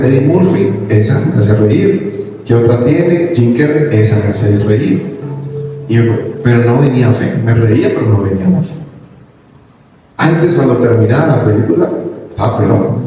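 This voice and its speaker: A man preaching a sermon as pastor, animated and sometimes shouting to stress a point. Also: medium pitch. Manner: animated preaching, rising to shouts on key lines. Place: large church hall. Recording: echoey hall, picked up from a distance.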